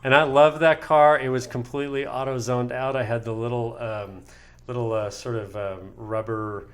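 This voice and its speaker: A man's voice: medium pitch, normal speed. Chatty laughing man, podcast guest. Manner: animated storyteller, laughs often. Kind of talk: casual chat.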